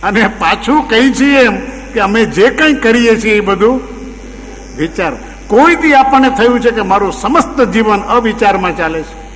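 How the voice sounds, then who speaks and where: A man's voice: high-pitched, animated, moderate pace, a bit bright. A man giving a religious discourse, full of rhetorical questions and emphatic repetitions. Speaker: spiritual preacher. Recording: long hall reverb, faint mains hum.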